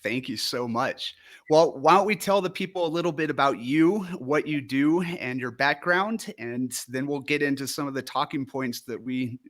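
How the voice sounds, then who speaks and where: Male host, enthusiastic, effusive, mid-pitched voice. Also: normal speed, fairly bright tone. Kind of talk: live interview hosting.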